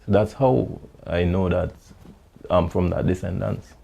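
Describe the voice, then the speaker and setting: Gravelly Vincentian man telling memories. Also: low-pitched, fairly even intonation, warm tone. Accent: Vincentian Creole. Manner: halting, repeats words as he recalls. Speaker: interviewee. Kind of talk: oral history interview.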